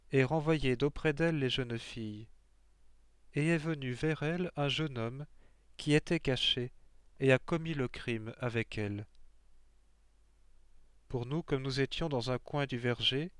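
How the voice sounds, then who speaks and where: A man reading the words of two lying old male judges, in a measured, solemn way. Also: mid-range voice, smooth, no room sound, clean studio sound, natural voice.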